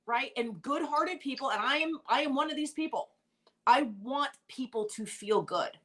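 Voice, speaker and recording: A woman's voice: high voice, lively intonation, moderate pace, fairly bright tone. A woman hosting a heartfelt group conversation, speaking emphatically, repeating phrases for weight and swearing bluntly. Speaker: host.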